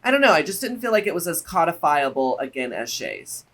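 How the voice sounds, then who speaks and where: A man with a very bright, somewhat high-pitched voice. He talks like a sassy, campy drag queen, sharing opinions in a casual co-hosted review chat. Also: very animated, a little fast. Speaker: reality show review co-host.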